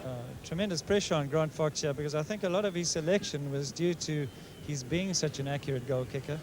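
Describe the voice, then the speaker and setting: A man giving quiet, measured analysis as a rugby co-commentator. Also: fairly high pitch. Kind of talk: sports analysis. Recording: distant, noisy 1980s broadcast.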